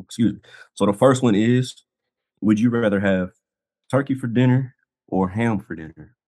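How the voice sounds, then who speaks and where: A man's voice: on the low side, normal speed, a little mellow. A man co-hosting a podcast, playful and slangy, laughing often. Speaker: podcast co-host. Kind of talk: casual chat.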